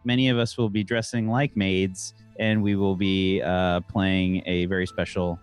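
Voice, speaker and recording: A man with a fairly low voice casually promoting his channel and an upcoming show. He sounds easygoing and upbeat, filling gaps with "uh". Faint music plays behind him. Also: little pitch movement, measured pace, clear, resonant tone. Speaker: streamer plugging his channel.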